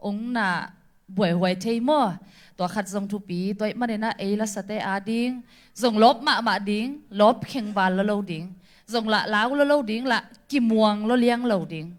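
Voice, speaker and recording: A woman giving feedback to a singer, weighing her words. She speaks slowly and deliberately in a mid-range voice. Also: mid-range voice.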